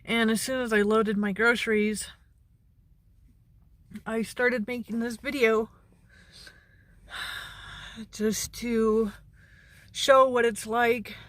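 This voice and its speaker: A woman sounding anxious and shaken, speaking haltingly and earnestly to camera in a personal vlog. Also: fairly high pitch, steady tone, no room sound. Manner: halting, earnest, with long pauses. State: anxious, shaken during a panic attack. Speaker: mental health vlogger. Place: outdoors beside a parked car.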